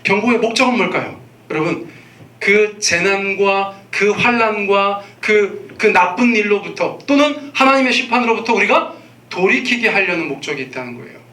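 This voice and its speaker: A middle-aged man preaching a sermon as pastor, acting out warnings to his children with sudden loud calls. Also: high voice, animated, moderate pace, roomy sound, a little hiss or hum. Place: church sanctuary.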